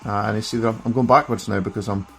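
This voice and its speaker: A man's voice: lowish voice, fairly even intonation, quick pace, gravelly, faint music behind. A middle-aged man with a broad Scottish accent, giving chatty, self-deprecating live commentary as he plays games. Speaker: streamer reviewing a gaming handheld. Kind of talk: casual live gameplay commentary.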